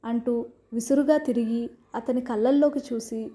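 A woman narrating a romantic drama story in a calm, measured storytelling voice. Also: fairly high pitch. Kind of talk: scripted narration.

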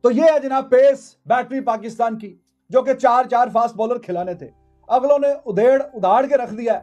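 A man's voice: very high voice, moderate pace, darkish tone, lo-fi sound, faint music behind. A man, giving sarcastic cricket commentary in a studio, mocking and repeating phrases for emphasis. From Pakistan. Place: indoor studio.

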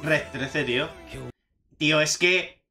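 A young man with a Spanish accent from Spain, chatting excitedly as he reacts to a video game trailer. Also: on the high side, takes it slowly, soft background music. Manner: excitable, chatty, says "tío" often. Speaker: gaming youtuber reacting to a trailer.

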